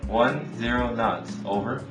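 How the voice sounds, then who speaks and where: A man's voice: medium pitch, measured pace. Here is a man playing a ship's officer on marine radio, answering port control in strict formal procedure. He reads each instruction back plainly. The sound is roomy, with music underneath. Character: male ship's radio officer, calm and compliant. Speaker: ship's officer of a motor vessel. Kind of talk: scripted maritime radio role-play. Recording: echoey room with music underneath.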